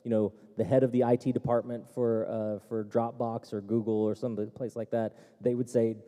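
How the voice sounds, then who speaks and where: A man's voice: mid-range voice, little pitch movement, moderate pace, mellow. A man answering tech questions at a seminar, talking casually with many fillers and restarts. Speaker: tech expert panelist. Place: seminar hall. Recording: echoey hall.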